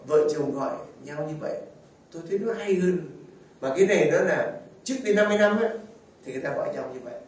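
Older male priest, high voice, folksy homily, heard from a distance in a very echoey church. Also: darkish tone. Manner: folksy storytelling, fond asides and chuckles. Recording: very echoey hall, mic far off, faint noise.

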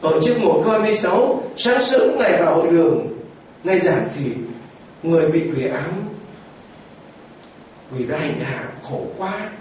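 A man's voice: fairly high pitch, lively intonation, moderate pace, pauses often, darkish tone, a little hiss or hum. A man preaching a sermon as a priest, telling the story with exclamations and vivid storytelling. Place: church. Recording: echoey church heard from far off.

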